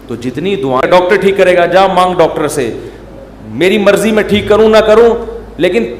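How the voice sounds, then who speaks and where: A fairly high-voiced man delivers a lively sermon, talking to the crowd in a conversational tone and breaking into drawn-out chanted imitations. His voice rings through a large echoing hall with a long reverb tail. Faint room noise sits underneath. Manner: animated, mimics long-drawn calls to prayer, conversational asides. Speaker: Islamic preacher. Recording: echoey hall with faint ambience.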